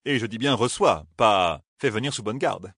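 An audiobook narrator voicing a wary young rogue, careful and ironic. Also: male voice, lowish voice, lively intonation, moderate pace, a bit bright, slightly rough, dry recording, studio quality, heavily acted.

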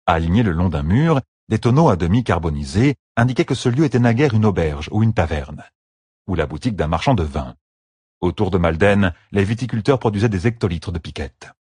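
A man reading an audiobook novel aloud as narrator, in an expressive storytelling manner. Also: deep voice, fairly quick, breathy edge, dry recording, clean studio sound. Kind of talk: scripted narration.

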